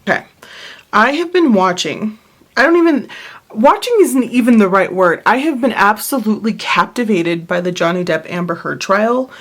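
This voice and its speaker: A woman's voice: mid-range voice, lively intonation, normal speed. A tired, short-of-breath woman chatting casually at home in a planner vlog, rambling and apologizing as she drifts off topic. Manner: rambling, apologetic, easily sidetracked. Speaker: planner vlogger.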